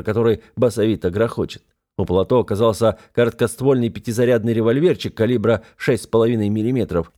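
A man narrating an adventure novel in first person, steady and storytelling. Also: lowish voice. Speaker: audiobook narrator.

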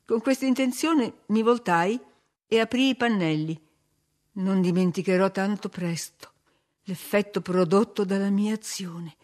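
A woman's voice: medium pitch, a little mellow. Woman narrating a gothic novel. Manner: measured, dramatic storytelling. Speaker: audiobook narrator. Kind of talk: expressive literary narration.

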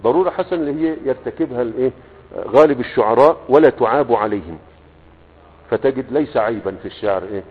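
Husky Egyptian man teaching, tinny echo. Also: medium pitch. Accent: Egyptian Arabic. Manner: keeps checking understanding with quick questions. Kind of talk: classroom lecture, reading a text aloud and explaining it. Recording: tinny, echoey lecture recording.

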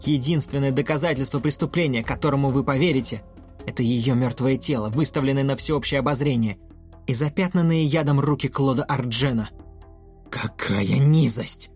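A man's voice: medium pitch, fairly quick. Male narrator reading a fantasy tale. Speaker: audiobook narrator. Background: faint music.

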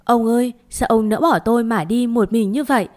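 A woman's voice: mid-range voice, animated, brisk, lightly acted. A woman voicing a grieving, furious older mother-in-law who wails and screeches insults. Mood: wailing grief.

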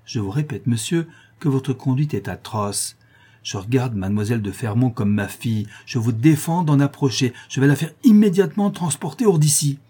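A man's voice: mid-range voice, moderate pace, warm tone, slightly rough, voice pushed up, natural voice. A man voicing an indignant elderly nobleman who fiercely protects a sick girl, speaking in an impassioned, pleading way.

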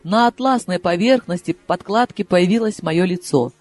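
A man reading a novel aloud in expressive first-person narration. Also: high-pitched, normal speed. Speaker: audiobook reader. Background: soft background music.

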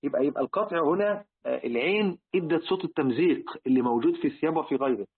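Egyptian male religious teacher, fairly high voice, rapid delivery, tinny lo-fi phone-like sound. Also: husky. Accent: Egyptian Arabic. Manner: rhetorical questions to listeners, repeats key words. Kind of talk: Quran word-meaning lesson.

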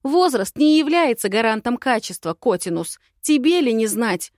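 A fiery young heroine from an audiobook, defiant and quick to yell, as the reader puts her on. Her voice climbs high and rings loud and dry. She snaps her lines with bold, brash confidence. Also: sing-song, dry recording. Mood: defiant, angry. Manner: shouting, defiant. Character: hot-tempered young woman, bride-to-be heroine.

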